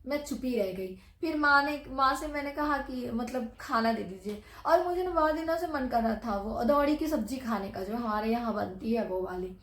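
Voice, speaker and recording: A woman's voice: fairly high pitch, expressive, normal speed, few pauses, fairly bright tone, echoey room. A young woman vlogger telling a personal story in a casual, chatty way, with many asides.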